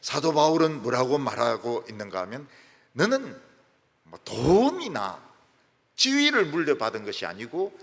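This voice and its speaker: A male pastor preaching a sermon with emphatic swings between loud peaks and soft drops. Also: mid-range voice, very animated, a little slow. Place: church sanctuary. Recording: long reverb of a large church hall.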